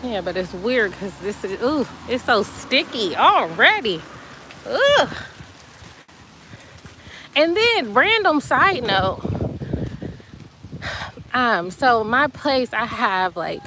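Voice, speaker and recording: A woman's voice: on the high side, slow, background noise. A woman vlogging on her phone while walking outdoors to the beach, chatty and out of breath, saying y'all. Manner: chatty, animated, says y'all. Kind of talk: casual vlog chat. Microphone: phone camera.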